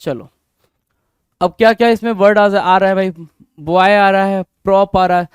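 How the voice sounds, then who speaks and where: A man runs an exam-prep vocabulary lesson, firing rhetorical questions at students and drilling each word. His voice sits high and comes across smooth and resonant. The recording is close and dry. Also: fairly even intonation, normal speed, no echo. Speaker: vocabulary teacher.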